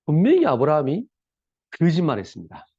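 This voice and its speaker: A man's voice: a little high, huge pitch swings, a little fast, darkish tone, breathy edge, no echo. A male pastor preaching a sermon in a conversational, colloquial way, often asking the congregation rhetorical questions. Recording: dull lo-fi, dry.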